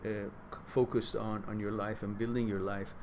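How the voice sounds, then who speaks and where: A man's voice: lowish voice, little pitch movement, moderate pace, a little mellow, slight background noise. Man giving reflective live advice. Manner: reflective, gives advice, reads out viewers' chat messages. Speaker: host of a live Q&A stream. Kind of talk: casual live advice talk.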